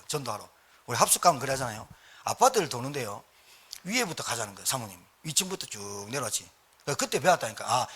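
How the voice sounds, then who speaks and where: A middle-aged male pastor preaching a sermon, telling stories vividly and swinging between loud bursts and hushed lines. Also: a little high, slightly rough. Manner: animated storytelling, acting out scenes, swings between loud and hushed. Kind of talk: sermon with personal storytelling.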